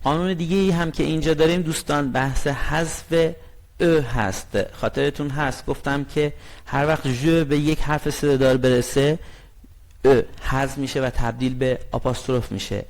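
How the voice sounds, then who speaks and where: A man teaching a language lesson, explaining grammar in a friendly way and reading example sentences very slowly and clearly. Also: mid-range voice, fairly even intonation. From Iran.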